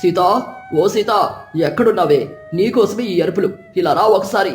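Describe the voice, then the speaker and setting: A miserly village husband grumbles and scolds in a lowered voice, as a woman puts him on. He sounds a little off-mic. Soft music hums behind a roomy storybook recording. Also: quick pace, natural voice. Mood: grumbling stingy.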